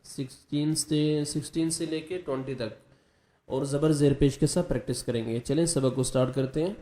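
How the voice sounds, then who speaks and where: Mellow-voiced male Quran teacher. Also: a little high, steady tone, roomy sound. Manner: spells letters with vowel marks slowly, explains rules quickly; draws out recited words in slow chant. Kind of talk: spelling out and reciting verses for learners.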